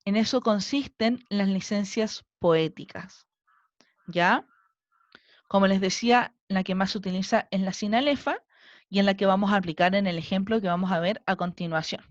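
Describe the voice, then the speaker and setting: Chilean woman teacher, slow patient explainer, dry close lo-fi voice-over. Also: mid-range voice, no room sound. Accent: Chilean Spanish. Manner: slow, patient, counting syllables aloud step by step. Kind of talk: recorded online class lesson.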